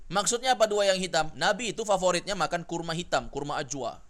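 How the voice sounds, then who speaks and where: A man's voice: high voice, fast, a bit bright. An Indonesian man teaching Arabic grammar in a classroom lesson, often asking his students questions and having them repeat the answer.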